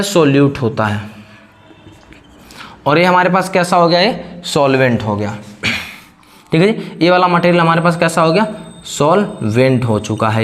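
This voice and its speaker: Male chemistry teacher, slightly high voice, lectures by asking rhetorical questions and answering them. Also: a bit bright. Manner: repeats a fixed question-and-answer pattern. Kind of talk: classroom lecture.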